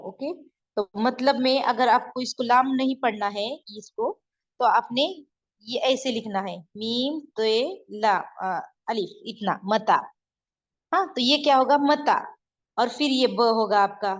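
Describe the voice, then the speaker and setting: A woman teaching letter writing online, explaining patiently as she draws and often checking that her students follow. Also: fairly high pitch. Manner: patient, repeats and checks understanding. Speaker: online Urdu script teacher. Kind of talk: explaining while drawing letters on a board. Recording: dull lo-fi sound.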